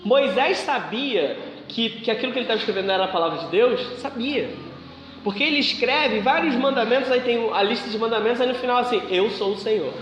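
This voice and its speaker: A man's voice: extremely high pitch, expressive, fairly quick, fairly bright tone. A man teaching a live church class, explaining his points with rhetorical questions that he answers himself. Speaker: bible teacher. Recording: very echoey hall with long reverb, dull sound, faint hiss.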